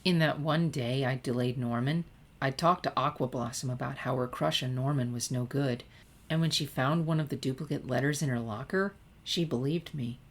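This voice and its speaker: A woman's rumbling low voice, at normal speed, portrays a regretful teenage girl owning up to her past schemes in a story reading. She comes across as rueful, hesitant and reflective.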